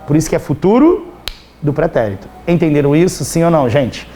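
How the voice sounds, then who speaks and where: Chatty Brazilian teacher, slightly hoarse. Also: male voice, fairly high pitch, very animated, fairly quick, warm tone, slight background noise. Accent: Brazilian Portuguese. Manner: chatty, teasing, constantly checks understanding. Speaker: Portuguese teacher. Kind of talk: live online class.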